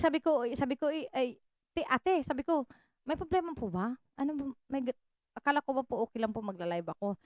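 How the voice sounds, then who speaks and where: High voiced woman on a livestream, giggly and teasing, noisy background. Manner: giggly, teasing, laughs often. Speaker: livestream vlogger. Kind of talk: casual livestream chat.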